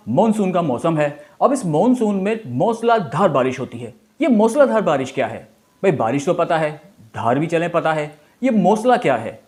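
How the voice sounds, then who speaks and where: A man's voice: on the high side, a little mellow. A man with a Pakistani Urdu accent explaining word meanings in a chatty style, asking rhetorical questions as he teaches. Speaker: language teacher.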